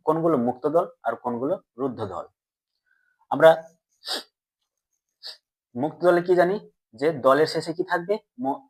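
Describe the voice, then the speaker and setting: A man teaching a grammar lesson to students. He asks them questions and answers them himself, and he stretches out words slowly syllable by syllable. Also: fairly high pitch. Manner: drawn-out slow syllable-by-syllable pronunciation.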